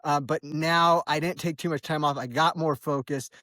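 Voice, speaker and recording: American dude chatting while running a trail, kinda high voice, chill rambly vlog talk, no echo at all. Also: male voice, fairly even intonation, moderate pace, pushed and bright, clean studio sound. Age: early 40s. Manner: laid-back, slangy, rambling. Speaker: trail runner vlogging. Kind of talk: casual vlog chat. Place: outdoors on a hilly trail.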